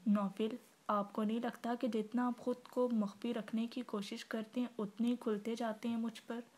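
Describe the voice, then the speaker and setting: A woman reading the part of a calm young wife who speaks softly and steadily in a storybook novel. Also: a little high, normal speed, natural voice. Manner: soft, composed.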